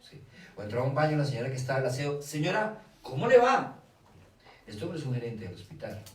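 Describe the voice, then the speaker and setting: Mid-range in pitch and rapid-fire, a Colombian man gives a live lecture on children's faith, animatedly asking rhetorical questions and acting out dialogue. He's recorded from far off in an echoey room, with a faint hiss.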